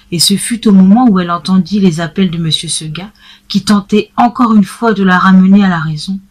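A woman calmly narrating a classic tale in a measured storytelling manner. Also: fairly low pitch, slightly rough.

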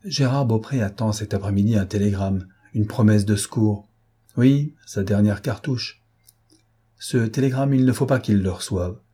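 A man reads a haughty rich prince in an audiobook, a cold schemer who mocks those below him. The voice is low, dark and husky, and its scorn is clipped and cold. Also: normal speed. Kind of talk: audiobook character voice.

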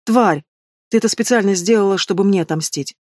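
A woman's voice: a little fast, warm tone, no room sound, natural voice. A woman voicing a spiteful young female student who shrieks insults at her rival. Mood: furious. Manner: shrill, hissing insults.

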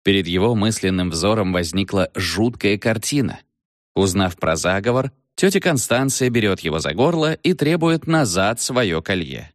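Low-voiced man narrating an audiobook. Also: expressive, moderate pace, no echo, clean studio sound. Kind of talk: scripted narration.

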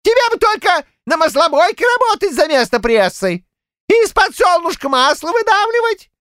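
A squeaky, cantankerous old village man, ranting in a shrill falsetto. The pitch jumps very high and swings wildly as he argues. The voice is dry and close. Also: sing-song, normal speed, no room sound, exaggerated voice. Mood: argumentative. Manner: heated, rambling, shouting outbursts.

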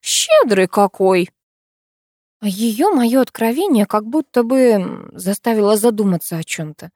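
A woman narrating a novel in the first person, reading with an animated, expressive delivery. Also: fairly high pitch, moderate pace, dry recording, studio quality. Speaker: audiobook narrator.

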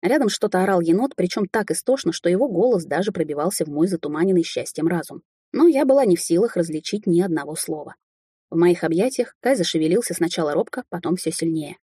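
A woman with a warm, mellow voice carrying a slight husk, narrating a fantasy novel in the first person. Her storytelling is lively and emotional, and the recording sounds dry and close. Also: lowish voice, quick pace, breathy edge, no echo. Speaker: audiobook narrator.

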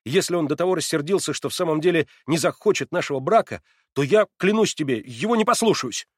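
A man's voice: on the high side, brisk, no room sound, pitched above the performer's own voice, lightly acted. Brief: male reader doing an eager young man, raised voice, fervent, dry audiobook sound. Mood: heated. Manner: heated, excitable, swearing oaths.

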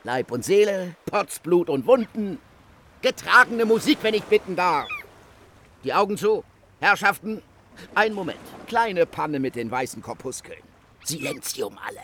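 A boisterous young prankster delivers mock sermons and teasing jabs with a high, bright, lively voice. The tone keeps leaping up and down, slow and theatrical, with a gravelly edge in this radio drama. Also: male voice, slight background noise, full character voice. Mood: mock-solemn. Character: boisterous young man mocking priests, jovial.

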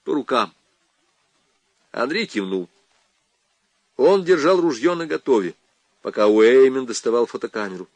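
Male audiobook narrator, expressive and dramatic, dry close recording. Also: mid-range voice, moderate pace, pauses often, no room sound.

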